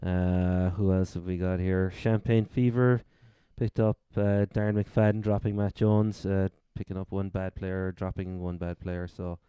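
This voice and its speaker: A man's voice: deep voice, level tone, a little slow, few pauses, dark tone, clear, resonant tone, no echo. A man with a Cork accent from Ireland, co-hosting a sports podcast and casually running through updates. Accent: Irish, Cork. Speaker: fantasy football podcast co-host.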